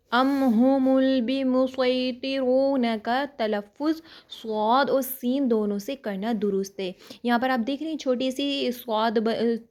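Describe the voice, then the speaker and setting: A woman teaching Quran recitation rules, explaining patiently step by step, often checking that her students follow, and chanting Arabic words slowly and drawn out. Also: on the high side, darkish tone. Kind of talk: online tajweed lesson.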